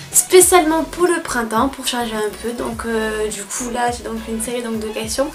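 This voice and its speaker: Hesitant young woman vlogger, music behind. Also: on the high side. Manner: hesitant, many filler sounds. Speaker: beauty vlogger. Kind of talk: casual spring tag video.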